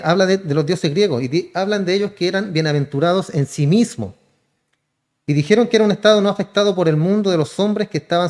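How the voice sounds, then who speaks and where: Pastor preaching in a reverberant hall. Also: male voice, a little high, darkish tone. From Chile. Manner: addresses listeners as "hermano", asks and answers his own questions. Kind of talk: sermon.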